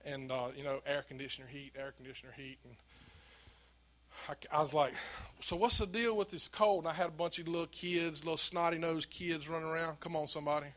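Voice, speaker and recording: An older man with a notably high voice delivers a sermon. He tells homey stories in a loose, conversational way, then presses into emphatic exhortation. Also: flat delivery, quick pace, fairly bright tone. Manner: folksy storytelling, talks to the congregation, rising to emphatic exhortation. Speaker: pastor.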